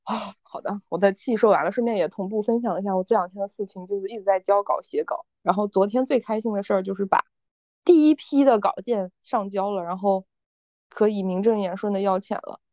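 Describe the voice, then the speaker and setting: A woman co-hosting a casual chat podcast, telling stories in an animated way and acting out the people she quotes. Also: mid-range voice, fast talker, no echo. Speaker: podcast co-host. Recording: dull, dry, slightly lo-fi recording.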